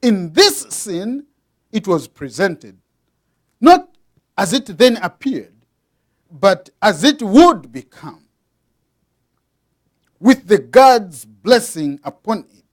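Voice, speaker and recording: A high-pitched man from Zambia delivers a sermon, patiently explaining to the congregation. When reading aloud, his volume rises and falls dramatically.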